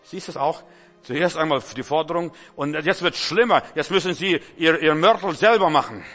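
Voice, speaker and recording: A man delivers a sermon in a slightly higher voice, pressing his points and repeating words as he speaks straight to his listeners. His voice rings through a reverberant church hall. Faint music plays behind him. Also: moderate pace, fairly bright tone. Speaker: preacher.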